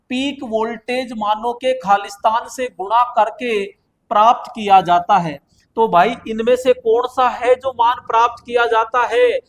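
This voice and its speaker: Man with a high voice as a coaching teacher. Exam-prep lecture, chatty, repeats himself. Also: a bit bright. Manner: chatty, asks students questions and answers them himself; repeats phrases for emphasis.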